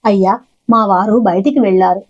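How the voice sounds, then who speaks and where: A woman's voice: medium pitch, steady tone, normal speed, dull audio, natural voice. A woman voicing a humble, polite, devoted village wife in a spoken devotional story.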